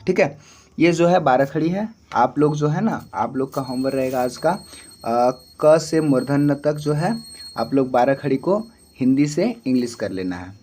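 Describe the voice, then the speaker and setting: A man's voice: on the high side, a little mellow. A young man giving a spoken English lesson, patiently repeating each point and answering his own questions. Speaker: teacher.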